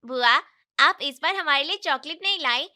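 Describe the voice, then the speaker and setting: A woman voicing two young children, a boy and a girl, who plead in a childish, whining way in an animated story. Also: high voice, normal speed, full character voice. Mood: whiny.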